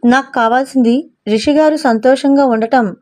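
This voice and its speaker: A woman's voice: high voice, moderate pace, darkish tone, natural voice. A woman voicing a heartbroken, self-sacrificing young woman who pleads emotionally in a storybook reading. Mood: pleading.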